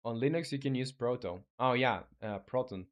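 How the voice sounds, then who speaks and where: A young Chilean man, a native Spanish speaker with a Chilean accent, chats casually on a live game-dev stream while reading viewer comments. His mid-range voice comes through dull audio, and he speaks haltingly with restarts and fillers.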